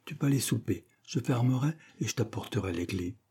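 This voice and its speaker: A man reading a calm Quaker clerk. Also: mid-range voice, a little fast, breathy edge. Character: calm male Quaker clerk, steady and soothing.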